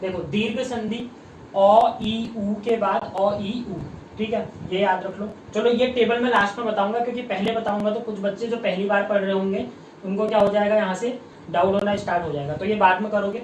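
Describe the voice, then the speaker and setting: A man's voice: high voice, fairly even intonation, moderate pace, a little hiss or hum. A man teaching an exam-prep lesson online, asking his students questions again and again and reading out their comments. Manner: drills students with repeated questions, reads out comments. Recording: echoey room, mic at a distance.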